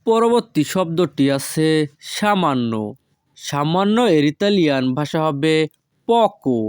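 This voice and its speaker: Man, native Bengali speaker, vocabulary drill, very slow, repeats words carefully, dry close sound. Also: a little high, expressive, a little mellow, smooth, no room sound. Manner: repeats each foreign word slowly, syllable by syllable. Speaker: language teacher.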